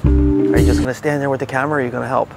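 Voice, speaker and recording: A man's voice: mid-range voice, little pitch movement, rapid-fire, vocal fry, over loud music. A middle-aged man pulling a street prank, pleading and overly grateful as he begs strangers for help outdoors.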